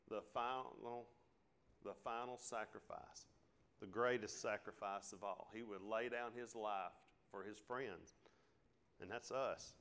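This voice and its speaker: A man from the American South preaches in a thick country drawl. His voice is smooth and resonant, and his manner is folksy and down-home. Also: on the low side, fairly bright tone. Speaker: pastor. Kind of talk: sermon.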